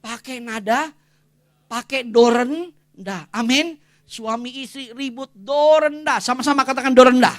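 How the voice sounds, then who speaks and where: A male pastor, preaching a lively, humorous sermon and leading the congregation in call-and-response. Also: very high-pitched, a little slow. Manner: energetic, jokes and leads call-and-response with congregation. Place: church service.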